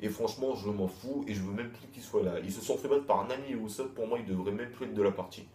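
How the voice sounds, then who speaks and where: Talking fast in a mellow voice on the low side, a man reviews a manga chapter in a loose, rambling way. He repeats himself, restarts frequently, and uses crude slang, and the echoey room carries faint background noise.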